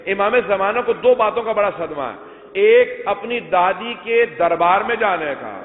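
A high-pitched man gives an emotional mourning sermon and turns often to the congregation as he tells old narrations. His voice rings with a long hall reverb and comes through thin and tinny, like a phone line. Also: lively intonation. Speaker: Shia preacher.

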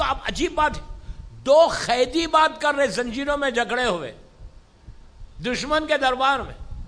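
A man telling a religious story as a preacher in a dramatic sermon. He swings from hushed tones to shouting and mixes English words into his speech. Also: very high voice.

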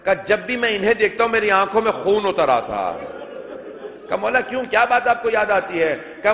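A high-pitched man gives an emotional mourning sermon and turns often to the congregation as he tells old narrations. His voice rings with a long hall reverb and comes through thin and tinny, like a phone line. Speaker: Shia preacher.

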